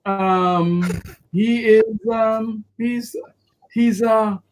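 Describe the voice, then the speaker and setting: A man, a defense lawyer answering in an interview, expressive and quick to act out what people said. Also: sits high. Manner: expressive, acts out quotes with laughter.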